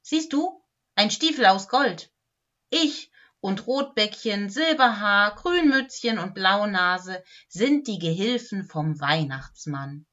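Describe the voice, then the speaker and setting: A helpful little Christmas elf explains things in a friendly way, read out by a woman. His voice is bright and slow, with a slightly dull, lo-fi sound. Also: mid-range voice, expressive.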